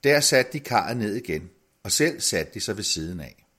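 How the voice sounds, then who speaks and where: A man narrating a fairy tale with expressive, sweeping intonation. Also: on the low side. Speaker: storyteller.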